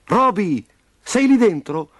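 A man's voice: fairly high pitch, very animated, moderate pace, breathy edge, no room sound, pitched above the performer's own voice. A man reading a storybook, voicing a timid but brave little boy who talks eagerly and anxiously.

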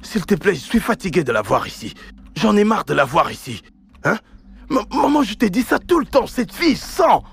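A man dubbing a cocky young man who loudly rejects his lover in a film drama. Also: high-pitched, sing-song, normal speed, vocal fry, husky, exaggerated voice. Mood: pleading. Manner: contemptuous and loud.

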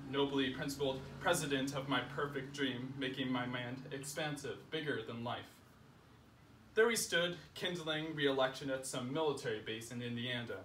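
Reading his comic personal essay to a few seated listeners in a living room salon, this young man sounds projected, deliberate and playfully pompous. His voice sits in the middle range with a fairly bright tone. Captured by a distant camera microphone, the audio is echoey with faint noise.

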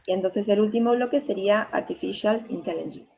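A woman's voice: mid-range voice, fairly quick, creaky, mellow, breathy edge. A woman student answering in class, hesitant and full of "eh" fillers, mixing Spanish with English phrases. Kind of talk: class participation.

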